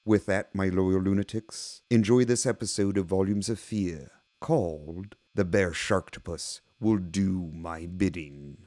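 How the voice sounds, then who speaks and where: A man playing a genteel horror anthology host, narrating scripted tales in a measured, theatrical, vintage style. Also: deep voice, mellow, slight background noise. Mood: storytelling.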